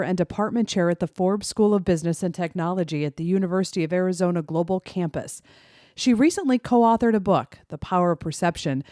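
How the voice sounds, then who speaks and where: A woman's voice: on the low side, a little mellow, dry recording, clean studio sound. A woman hosting a podcast, introducing her guest and asking questions in a conversational, inquisitive way. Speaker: host. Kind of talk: podcast interview.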